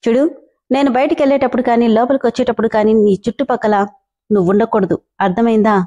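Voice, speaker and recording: A cold, arrogant young husband barks curt orders and scolds, as a woman narrator reads him. The voice stays mellow and only slightly lowered, with a clipped, impatient edge. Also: fairly even intonation, quick pace, highs cut off, close to an everyday voice. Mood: stern.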